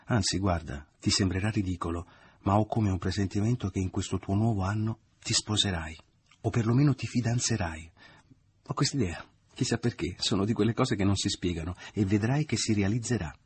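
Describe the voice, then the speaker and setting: A man's voice: low-pitched, brisk, husky, no echo. A man voicing a doting, naive middle-aged mother who talks in a gushing, sentimental way, in an audiobook reading. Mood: effusive.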